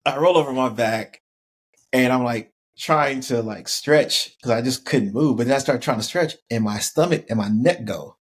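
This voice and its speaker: A man's voice: medium pitch, normal speed, slightly rough. Laid-back man telling a story. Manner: relaxed, laughing, lots of "like" fillers. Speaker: podcast guest, former college football player. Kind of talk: casual storytelling interview.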